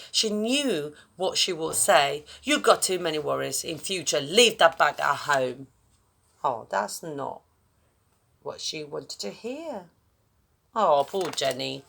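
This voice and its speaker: In this read-aloud children's story, the narrator is a woman whose voice is low and creaky. She talks straight to the kids listening, staying expressive and dropping in casual asides.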